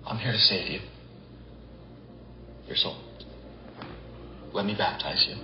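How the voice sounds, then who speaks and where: An actor playing a calm, earnest young preacher in a TV drama, heard through a roomy, dull soundtrack. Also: male voice, fairly low pitch, slow pace, slight background noise. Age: young adult.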